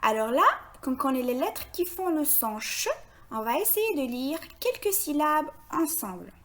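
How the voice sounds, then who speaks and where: A woman's voice: sits high, sing-song. A woman teaching young children to read, sounding out words syllable by syllable and praising their answers. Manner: slow, deliberate, syllable by syllable. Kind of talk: phonics lesson for young children.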